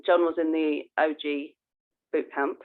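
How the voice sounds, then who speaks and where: Through thin, narrow-band call audio, an effusive podcast co-host with a mid-pitched voice thinks aloud in casual conversation. The delivery is flat and a little slow.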